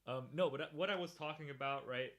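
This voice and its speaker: A man's voice: a little high, a little fast, a bit bright, a little hiss or hum. A man hosting a livestream podcast, chatting casually, laughing often and reacting to viewers in chat.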